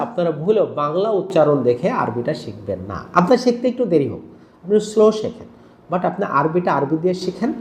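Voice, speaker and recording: A man teaching Quran pronunciation, patiently explaining letters and often checking that viewers follow. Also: on the high side. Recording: roomy echo.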